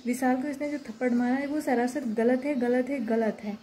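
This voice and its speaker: A woman's voice: high voice, fairly even intonation, moderate pace, mellow, rough recording. A woman vlogger, giving her opinion in a casual, emphatic and indignant way, repeating her points. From Uttar Pradesh, India.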